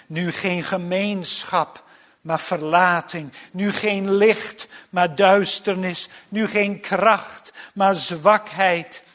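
A man preaching a solemn sermon, his voice rising to loud cries and falling to a hush. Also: a little high, long reverb tail. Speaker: pastor.

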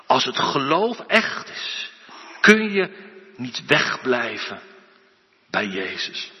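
A man preaching a sermon, slow and earnest, building to emphatic outbursts. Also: mid-range voice, very animated, breathy edge. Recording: dull lo-fi recording with long church reverb.

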